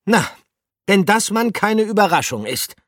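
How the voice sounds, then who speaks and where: Brief: plump little mouse, high and bouncy, man putting it on. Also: fairly quick, breathy edge, no echo, clean studio sound. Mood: surprised. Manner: high, lively calls. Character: small plump cheerful male mouse.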